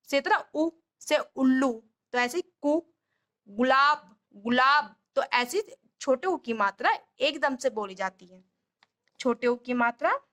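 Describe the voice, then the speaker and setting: A woman teacher explaining vowel signs, patiently repeating each sound slowly and drawing it out. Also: sits high. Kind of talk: explaining a lesson to parents.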